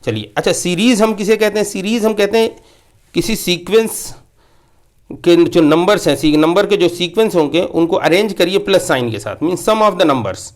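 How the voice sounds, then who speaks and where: A man with a slightly raised pitch gives a classroom maths lecture. He explains step by step, circles back to repeat key points, and slips English terms into his explanation. The voice sits close to the mic. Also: moderate pace. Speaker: maths teacher.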